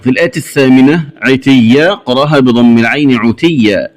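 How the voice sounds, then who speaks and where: Man explaining and chanting recitation rules. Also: medium pitch. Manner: brisk rule explanations broken by slow, drawn-out chanted words. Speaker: Quran recitation teacher.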